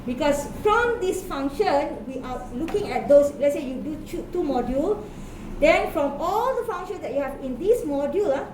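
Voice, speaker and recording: A woman's voice: sits high, expressive, normal speed. A woman lecturer with a Malaysian accent explains informally in colloquial, slangy Malaysian English, repeating her instructions. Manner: repetitive instructing with slangy particles like lah and ah. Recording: noisy echoey classroom, distant mic.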